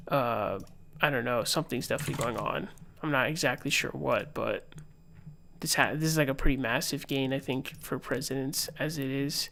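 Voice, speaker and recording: A man's voice: a little high, gravelly. A young man giving casual live-stream political commentary, rambling with lots of fillers and reading posts aloud. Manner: rambling, filler-heavy, reads tweets aloud.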